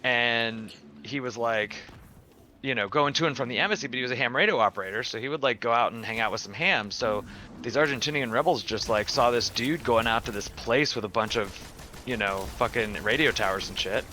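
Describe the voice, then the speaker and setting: A man with a bright, forceful voice winds through a casual anecdote in an online voice chat. He leans on fillers and swearing as he talks, and a faint hiss sits under his voice. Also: mid-range voice, brisk. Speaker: storyteller in a gaming group chat.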